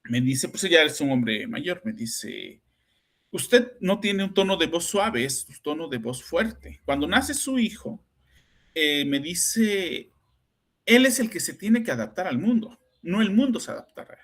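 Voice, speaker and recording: A man's voice: on the high side, big pitch swings, measured pace, fairly bright tone. A middle-aged Mexican man, a psychoanalyst hosting a podcast, telling anecdotes in a chatty way and often ending with tag questions. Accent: Mexican Spanish. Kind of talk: conversational storytelling.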